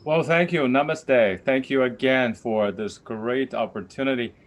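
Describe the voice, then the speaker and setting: A man's voice: medium pitch, a little slow. A man on a webinar panel giving gracious, formal closing thanks. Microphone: video call.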